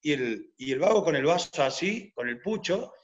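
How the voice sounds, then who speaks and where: A comedian telling a rambling anecdote full of asides. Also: male voice, on the high side, lively intonation, moderate pace, dull audio. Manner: rambling storyteller, many asides. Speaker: comedian guest.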